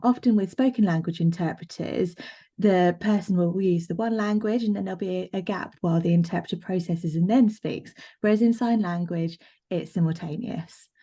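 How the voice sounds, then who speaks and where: A woman's voice: on the low side, normal speed, warm tone. A woman sign language interpreter giving a live voice-over of a signed presentation, speaking in first person with frequent fillers and restarts on a video call. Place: online video meeting.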